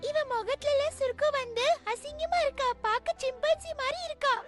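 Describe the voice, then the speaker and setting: A sulky little cartoon girl with a very high, piping voice. She whines and talks back defiantly. Loud background music plays under her lines. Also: fairly quick. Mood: excited. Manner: whiny, defiant, complaining. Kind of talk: animated cartoon dub acting.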